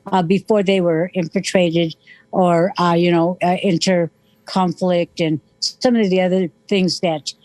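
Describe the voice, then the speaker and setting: A woman speaks as a guest on a radio interview, with a lowish voice and a halting delivery full of uhs. The sound is dry and close. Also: steady tone, a little mellow, no echo.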